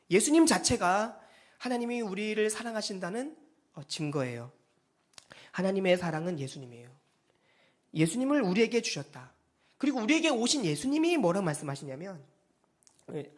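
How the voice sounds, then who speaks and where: Pastor, Sunday sermon, church, lively swinging pitch, acts out voices. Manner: animated, acts out quoted speech.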